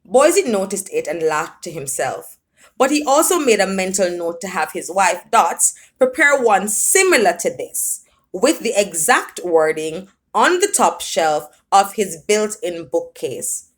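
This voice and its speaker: A woman's voice: mid-range voice, big pitch swings. A woman reading a literary story aloud, laughing at times as she reads. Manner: unhurried, laughs while reading. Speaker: reader.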